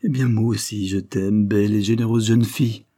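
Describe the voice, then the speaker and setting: A man's voice: fairly low pitch, fairly even intonation, normal speed, warm tone, no echo, studio quality, natural voice. A man reading the part of a dying young man, weak and mournful. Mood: tender.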